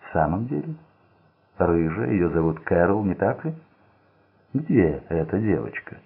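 A man's voice: deep voice, very animated, unhurried, gravelly, slightly rough, exaggerated voice. A man voicing a lazy, greedy gangster who drawls with boredom and gloats over a lucky break. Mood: gloating. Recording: tinny phone-like sound.

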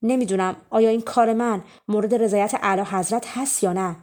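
A woman's voice: medium pitch, steady tone, darkish tone, close to an everyday voice. A woman voicing a humble, pleading young thief.

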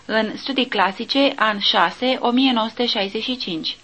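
A woman narrating a nonfiction audiobook, reading reference lists in a slow, measured way. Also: a little high, bright, forceful tone, low-quality recording. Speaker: audiobook reader.

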